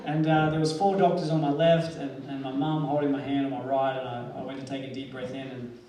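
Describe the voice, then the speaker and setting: A man's voice: medium pitch, flat delivery, fairly quick, a crowd in the background. An Australian man giving a motivational speech, telling his life story earnestly with bits of humor. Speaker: motivational speaker. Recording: echoey hall, distant mic, noisy.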